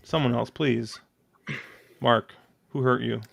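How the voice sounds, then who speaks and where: A man hosting a casual podcast, telling long, excitable stories full of fillers and restarts. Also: mid-range voice, slow, vocal fry, dry recording, clean studio sound. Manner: rambling, excitable storytelling with many fillers. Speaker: podcast host.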